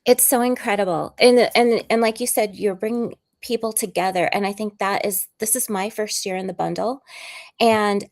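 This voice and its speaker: A woman hosting a casual interview on a video call, gushing with praise and firing off quick questions. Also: medium pitch, steady tone. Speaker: host.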